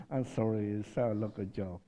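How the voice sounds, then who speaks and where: A man's voice: a little high, a little mellow, muffled recording, a little hiss or hum. A man preaching a sermon, posing rhetorical questions to the congregation and dropping in humorous asides. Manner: rhetorical questions with frequent "¿verdad?" tags.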